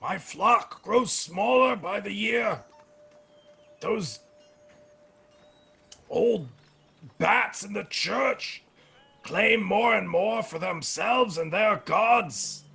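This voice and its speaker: A man voicing a grumpy, bitter old nature priest in a tabletop game, with a creaky, raspy, slow and solemn delivery. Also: high-pitched, expressive, bright, forceful tone, exaggerated voice. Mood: mournful, grumbling. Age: older. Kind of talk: tabletop role-play acting.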